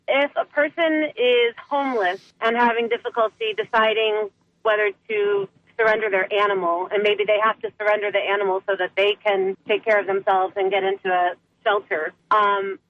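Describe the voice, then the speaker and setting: A woman's voice: on the high side, no echo. Phone-in caller, woman, clipped phone-line sound, dry and dull, from a car, eager and earnest.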